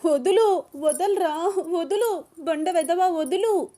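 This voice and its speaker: Anu is a young woman, hurt and defiant, her voice set high and strained. Her tearful replies turn into loud, angry shouting. A woman narrator voices her in an audio story. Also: steady tone, a little fast, natural voice. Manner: tearful then shouting angrily.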